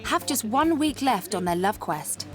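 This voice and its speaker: A woman giving scripted documentary narration in a brisk, even manner. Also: a little high, music in the background.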